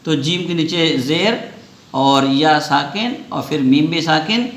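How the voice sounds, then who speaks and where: A man's voice: fairly high pitch, fairly bright tone, reverberant. A man teaching a Quran recitation lesson, quizzing students with repeated questions and drawing out letter sounds. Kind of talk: call-and-response tajweed lesson.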